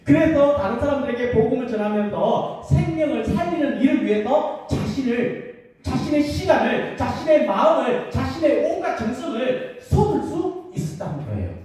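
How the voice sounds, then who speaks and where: A woman preaches a children's sermon with a mellow, warm tone, gently asking her young listeners questions. Her voice carries from some distance across a church sanctuary. The big hall gives every word a long, echoing tail. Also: sits high, sing-song, normal speed. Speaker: children's pastor. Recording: echoey church hall from far off.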